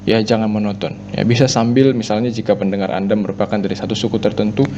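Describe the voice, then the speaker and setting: A man's voice: fairly low pitch, flat delivery, fast. A male teacher giving a recorded lesson, explaining point by point with lots of "ya" and "nah" fillers. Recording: dull lo-fi audio with mains hum.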